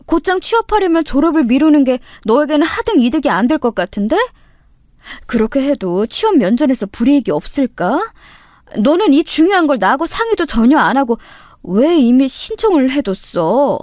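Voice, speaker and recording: A woman's voice: fairly high pitch, moderate pace, darkish tone, no echo, lightly acted. A fretful middle-aged mother in a spoken story, nagging her grown son with a raised, pressing voice and one anxious question after another, as a woman narrator puts her on. The sound is close and dry. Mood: alarmed.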